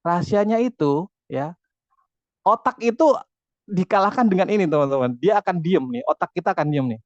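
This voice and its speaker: A man giving a motivational talk to an online audience, energetic and repetitive, constantly turning to his listeners. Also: sits high, brisk, no echo. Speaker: motivational speaker. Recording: dull, dry lo-fi audio.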